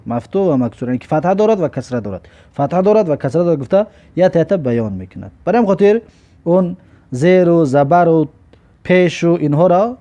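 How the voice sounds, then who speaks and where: A man's voice: high voice, mellow. A man with a Tajik accent teaching the Arabic alphabet, patiently repeating and sounding out each letter. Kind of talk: recorded alphabet lesson.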